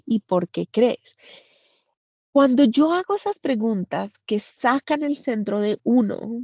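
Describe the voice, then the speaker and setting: Woman with a Colombian accent, school psychologist talking to parents; gravelly, dull recording. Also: medium pitch, darkish tone, no echo. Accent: Colombian Spanish. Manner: conversational, many fillers, acts out example dialogues. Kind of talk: informal talk to parents. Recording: dull, lo-fi sound.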